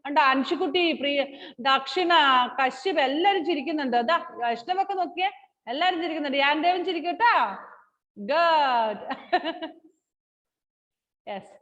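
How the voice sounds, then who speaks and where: A woman with a high, bright voice runs an online class for small children, calling each by name in a coaxing, affectionate way. The sound is muffled, as over a video call, with a long echo trailing behind her. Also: animated, normal speed, pauses often. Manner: coaxing, affectionate, mixing Malayalam and English. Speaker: teacher.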